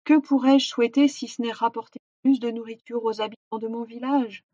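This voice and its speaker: An earnest young hunter from a storybook cries out his warnings in a high, strained voice, voiced by a woman narrator. The recording is dull and dry. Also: steady tone, brisk, slightly rough, no room sound. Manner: pleading, raises voice high and loud. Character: young male village hunter, earnest and desperate.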